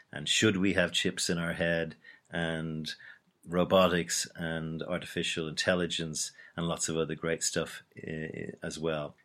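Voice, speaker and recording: A man's voice: sits low, a bit bright. A man speaking as a podcast host, giving a casual spoken introduction to an episode.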